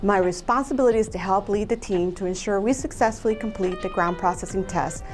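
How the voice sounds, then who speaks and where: A woman from Colombia, an aerospace engineer, giving a measured, earnest scripted statement. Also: mid-range voice, over music.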